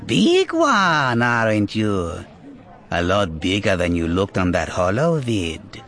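A man's voice: fairly low pitch, huge pitch swings, slow pace, fairly bright tone, exaggerated voice. A man voicing a small, sly male rodent-like alien inmate who wheedles, giggles and ends his lines with coaxing tag questions. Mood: sly, wheedling. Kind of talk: audiobook character voice.

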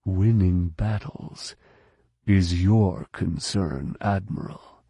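A man voicing a cold male military colonel who speaks slowly in a deliberately calm, measured way. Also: low-pitched, slightly rough, dry recording, full character voice. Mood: cool, controlled.

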